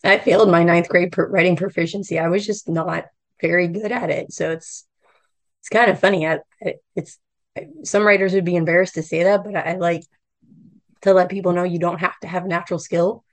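A woman from the United States with a hoarse, froggy voice, talking casually as a novelist being interviewed. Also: fairly low pitch, steady tone, fairly quick. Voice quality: croaky frog voice.

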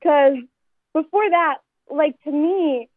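A woman's voice: sits high, slow pace, dry recording. A woman in her twenties, a singer calling in to a radio interview, chatting upbeat and telling stories. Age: 20s. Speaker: singer guest. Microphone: phone. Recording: tinny phone line.

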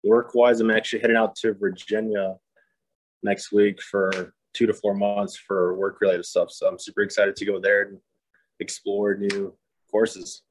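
Man, casual podcast guest, upbeat, pauses often, monotone delivery. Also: on the low side, a little hiss or hum, low-quality recording. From Japan. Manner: easygoing, upbeat, many "um" pauses. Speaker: podcast guest, disc golf player. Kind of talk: casual interview chat.

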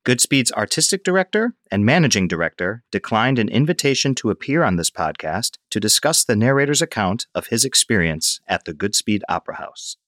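A man's voice: lowish voice, very animated, fairly quick, hardly any pauses, fairly bright tone, dry recording, clean studio sound. A man reading a formal disclaimer in a matter-of-fact announcer style. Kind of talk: read-out disclaimer statement.

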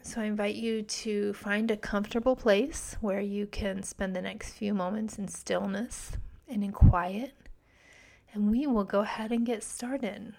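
A woman's voice: medium pitch, steady tone, measured pace, gravelly, darkish tone. A woman hosting a podcast, introducing it and speaking directly to her listeners. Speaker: podcast host.

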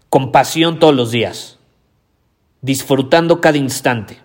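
A man hosting a podcast, delivering a motivational monologue at a mid-range pitch. He speaks emphatically, drives points home by repeating phrases and drops casual swear words. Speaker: podcast host.

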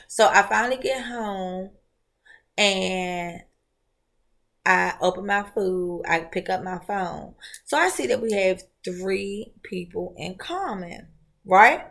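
A woman's voice: medium pitch, takes it slowly, gravelly. A woman podcast host, telling a personal story in a casual monologue and acting out the voices she quotes. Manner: animated, expressive storyteller who acts out quoted voices.

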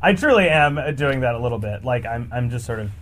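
Lively laughing man telling stories. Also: medium pitch, brisk. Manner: animated storyteller, laughs often, big mimicking voices. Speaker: animation filmmaker guest. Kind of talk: casual interview chat.

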